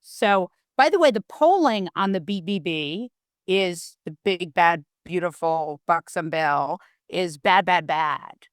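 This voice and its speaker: A woman's voice: fairly low pitch, animated, takes it slowly, dry recording, studio quality. A middle-aged woman hosting a political podcast in casual chat, sardonic and profane, repeating words for emphasis. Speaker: podcast host.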